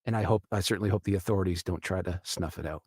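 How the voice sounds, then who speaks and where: A man from Canada hosts a casual live stream with a lowish voice. He talks in an earnest, reflective way. The sound is dry and close, with little room echo. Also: rapid-fire, darkish tone, husky. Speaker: livestream host.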